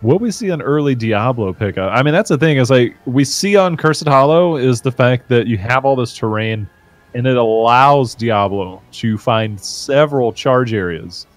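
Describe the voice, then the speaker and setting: A man casting an esports draft, chatty and animated, acting out players' thoughts as he talks. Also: medium pitch, moderate pace, dry recording, soft background music. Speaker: esports caster. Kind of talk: draft-phase casting banter.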